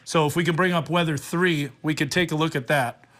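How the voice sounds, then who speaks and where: Slightly high male voice, TV weatherman, unscripted live severe weather coverage, explanatory, directing crew. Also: fairly even intonation, brisk, fairly bright tone. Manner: explanatory, giving instructions to crew as he goes. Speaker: TV meteorologist. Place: TV studio.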